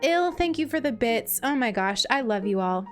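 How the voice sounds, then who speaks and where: Female game streamer, sweet cartoon-princess tone, fairly high pitch, affectionate and gushing, music behind her. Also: animated, normal speed. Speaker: game livestreamer. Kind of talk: casual livestream chat, thanking viewers.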